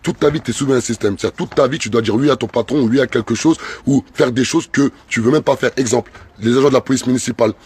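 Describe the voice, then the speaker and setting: A man's voice: mid-range voice, fast talker, few pauses, slightly rough. A French man speaking as a fervent activist, delivering an impassioned political speech in repetitive, rising emphatic bursts. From France.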